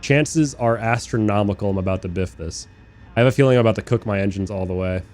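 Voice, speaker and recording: A young man live-streaming a flight sim, chatting casually and rambling, swearing freely, talking to his chat and bursting into loud incredulous rants. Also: fairly low pitch, quick pace. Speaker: game streamer. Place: living in Australia.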